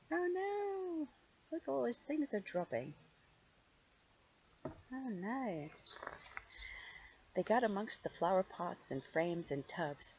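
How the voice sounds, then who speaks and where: In a mid-range, darkish voice, an older woman reads stories to children like a grandmother, playfully stretching out key words and slipping in chatty asides. The recording has its highs cut off and a little hiss or hum.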